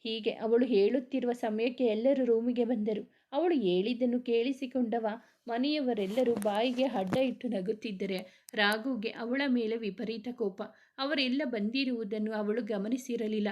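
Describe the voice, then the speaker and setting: A woman narrating a serialized family story aloud, expressive and acting out every character. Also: a little high, moderate pace.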